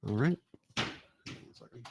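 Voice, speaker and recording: A man running a tabletop game as game master, relaxed and joking as he makes rulings. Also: a little slow.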